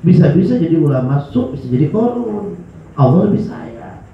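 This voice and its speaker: A man preaching at a religious study session, animated, swinging between loud cries and low mutters. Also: normal speed, vocal fry. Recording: echoey hall, dull lo-fi sound, faint hiss.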